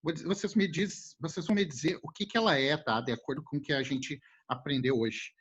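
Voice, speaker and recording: A male teacher from giving a casual classroom lesson, animated and jokey, speaking to his students as a group. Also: fairly high pitch, brisk, breathy edge. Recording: muffled lo-fi recording.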